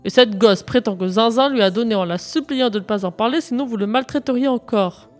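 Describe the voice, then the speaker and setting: A woman's voice: a little high, fairly quick, a little mellow, lightly acted. A woman voicing a stern, commanding village police sergeant, over faint music. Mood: formal.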